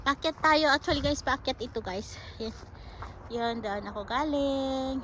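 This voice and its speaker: A woman's voice: high voice, a little slow, pushed and bright, a little hiss or hum. A woman vlogging casually to her viewers as she walks a park trail outdoors, recorded on a handheld phone. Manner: chatty, coaxing, sing-song baby talk to a squirrel. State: out of breath on an uphill stretch. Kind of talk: casual walking vlog, talking to viewers. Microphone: handheld phone camera.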